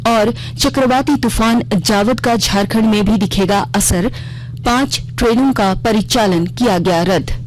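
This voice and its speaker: In a measured, medium-pitched voice with a darkish tone, a woman delivers a formal scripted news bulletin as a radio anchor. The studio audio comes from a regional broadcast and is clearly noisy.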